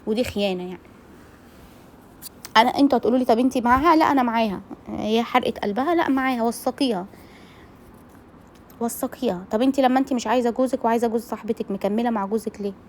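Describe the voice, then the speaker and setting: Cooking in her home kitchen, a woman with an Egyptian Arabic accent chats casually and addresses her female viewers frankly. This vlogger's voice is a little high and a little mellow, and a slight hiss or hum runs underneath.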